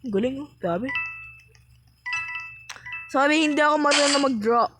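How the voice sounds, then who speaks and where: A woman giving casual, chatty commentary while playing a game, breaking into sudden high exclamations. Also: a little slow, music in the background, low-quality recording. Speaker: gaming vlogger.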